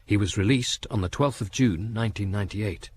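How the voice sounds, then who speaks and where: A man's voice: lowish voice, fairly quick, husky. A man reading a formal, matter-of-fact narration of case facts.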